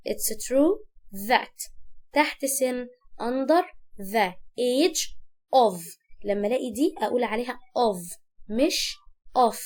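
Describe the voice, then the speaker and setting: A young adult woman with an Egyptian Arabic accent, teaching an English lesson, who stretches out and repeats words slowly to model their pronunciation. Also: a little high.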